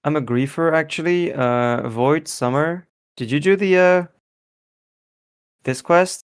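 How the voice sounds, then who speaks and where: A man from France, teasing his friends with deadpan quips in a gaming voice chat. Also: a little high, slow pace, clean tone, no room sound, studio quality. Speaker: gamer in group voice chat. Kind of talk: casual gaming banter.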